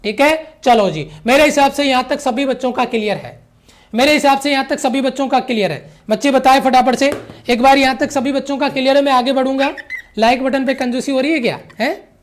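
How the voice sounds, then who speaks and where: A man's voice: extremely high pitch, a little fast, a little hiss or hum. A man giving an online physics lecture who repeats key phrases, mixes English physics terms into his explanation and keeps checking that the students follow. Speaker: physics teacher.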